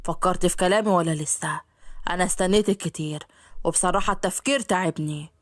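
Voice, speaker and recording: A smooth, pushy young rich man who coaxes and tempts in a lowish voice with an Egyptian accent, as a woman plays him. He speaks quickly, and the recording is close and dry. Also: no echo, lightly acted. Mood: coaxing. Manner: coaxing, smooth and persuasive.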